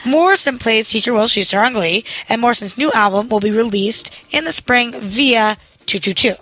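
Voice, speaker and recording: A woman's voice: a little high, normal speed, a bit bright, rough recording. A young woman hosting a casual celebrity news chat, reading items aloud and joking at her own expense. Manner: reads news items aloud with quips, self-deprecating. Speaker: entertainment news host.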